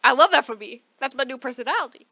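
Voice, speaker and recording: A woman co-hosts a podcast in a relaxed, chatty way, teasing her friend as she tells stories. Her voice is bright and fairly high. The sound is dull and lo-fi, as if over a call. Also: quick pace, no echo. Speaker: podcast co-host. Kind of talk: casual chat.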